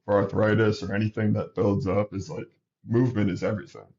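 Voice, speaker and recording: A man in his thirties, a basketball coach, chats casually as a guest in an interview. His voice sits on the low side and moves a little fast, with the highs cut off. He sniffles and rambles in a relaxed way, restarting often.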